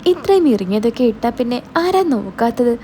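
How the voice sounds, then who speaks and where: A woman's voice: fairly high pitch, sing-song, fairly quick, dark tone, a little hiss or hum. A woman voicing an older man, a father-in-law who makes sly, teasing remarks in a storybook tale.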